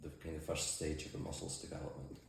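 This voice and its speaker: Very deep-voiced Shetland man in an echoey room. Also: monotone, quick pace, vocal fry. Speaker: mussel farmer and boat skipper. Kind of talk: interview answers. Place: indoors in an office. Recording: very echoey room, faint noise.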